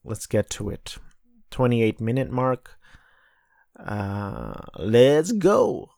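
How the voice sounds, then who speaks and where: A man's voice: fairly low pitch, sing-song, slow, vocal fry, a little mellow, no room sound, clean studio sound. A man talking casually on his own about films he has and hasn't seen, rambling and correcting himself as he reads from notes. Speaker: vlogger reviewing films. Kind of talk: casual solo commentary.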